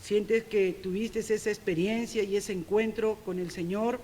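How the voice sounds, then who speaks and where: A middle-aged woman preacher with a Peruvian Spanish accent delivers a sermon in a church sanctuary. She is emphatic, pressing points loudly and then dropping to soft, confessional asides. Her voice carries a long church reverb. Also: mid-range voice, fairly even intonation, unhurried, slight background noise. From Peru.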